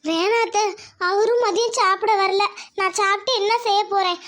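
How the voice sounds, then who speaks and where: A woman's voice: extremely high pitch, fairly even intonation, normal speed, fairly bright tone. A woman voicing a proud, stubborn village wife in a cartoon who is sick with fever and refuses help. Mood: weary. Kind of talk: cartoon voice acting.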